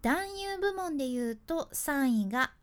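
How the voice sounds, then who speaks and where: A woman with a Fukuoka accent giving a casual speaking lesson as a voice coach, chatty and expressive, switching between polite speech and local dialect. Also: high voice, unhurried.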